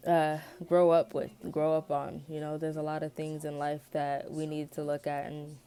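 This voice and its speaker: A woman's voice: sits low, monotone, normal speed, background noise. A young American woman talking casually and candidly to her viewers, telling a personal story in a rambling, colloquial way. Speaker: vlogger. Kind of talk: casual personal chat to camera.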